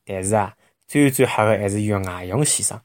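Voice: deep voice, a little fast. A storyteller with a Shanghainese accent narrating a children's story expressively, with vivid sound words.

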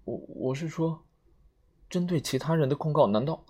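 A man's voice: medium pitch, expressive, darkish tone, breathy edge. A man reading an audiobook, voicing a nervous young man who stammers and loses his composure. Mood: panicky. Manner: stammering, halting, rising panic.

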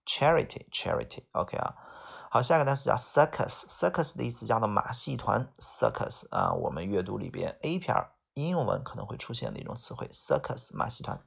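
A man teaching an English vocabulary lesson, repeating each word and filling pauses. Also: medium pitch, huge pitch swings, vocal fry, breathy edge.

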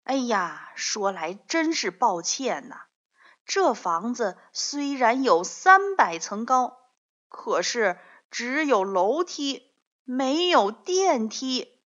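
A woman's voice: on the high side, very animated, slow, a bit bright, heavily acted. A woman voicing an apologetic, chatty doorman in a children's story, explaining patiently. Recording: slightly dull, lo-fi audio.

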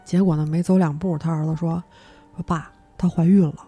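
A young woman narrating a horror story as podcast host, acting out each character's lines with sudden jumps in pitch. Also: brisk, soft background music. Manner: animated telling, acts out the characters' lines with sharp pitch jumps.

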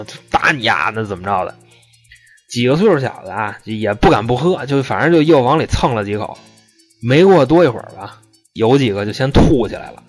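A man tells a true-crime story in loose, colloquial fashion. He swears freely and keeps tossing in rhetorical asides, in a medium-pitched voice. Faint music runs behind him.

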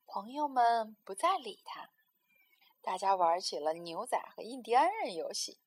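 A woman reading a children's story aloud in a gentle, expressive way. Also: mid-range voice, normal speed.

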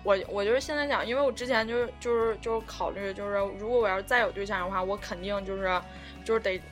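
A woman's voice: medium pitch, fast talker, faint music behind. A woman chatting casually on a podcast, telling a story in a rambling way with lots of fillers and the odd swear word. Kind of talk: casual chat.

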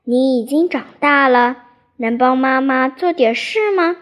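Woman doing a kind old mama horse, soft and patient, slow pace. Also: high voice. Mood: pleased. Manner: gentle, patient.

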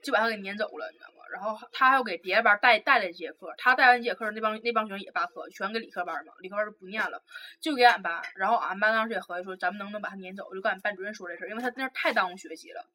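A young woman with a Northeastern Chinese accent, co-hosting a podcast and telling animated gossip about her school days. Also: medium pitch, rapid-fire. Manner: animated gossiping, acts out voices. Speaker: podcast co-host. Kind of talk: casual storytelling chat.

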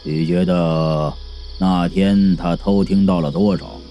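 A man voicing a stern, scheming middle-aged hospital director who talks low and grave and scolds his colleague. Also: a little slow, dark tone, soft background music.

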